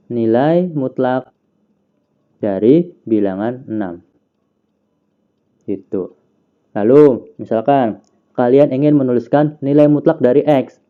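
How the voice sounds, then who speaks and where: A man's voice: medium pitch, phone-quality sound. A man teaching a math lesson, patiently explaining, asking questions and answering them himself. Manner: patient, asks and answers own questions, counts aloud.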